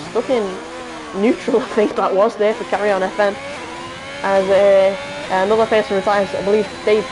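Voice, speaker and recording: A woman with a Liverpool accent doing live sim-racing commentary, halting with fillers and jumping up in excitement at crashes. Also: mid-range voice, noisy background. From Liverpool, England.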